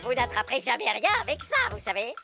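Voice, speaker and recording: An actor voicing a boastful, excitable cartoon woodpecker with a theatrical, exclamatory delivery. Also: medium pitch, fast talker, gravelly. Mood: cocky. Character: cocky, boastful, excitable cartoon woodpecker, old scout show-off. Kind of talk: animated cartoon character acting. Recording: loud music bed. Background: loud cartoon music.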